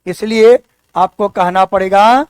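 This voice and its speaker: A man teaching an exam-prep English lesson. His voice is high and smooth, and he takes his time, repeating each key word and quizzing his students. The sound is close and dry. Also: fairly even intonation, slow pace, no room sound.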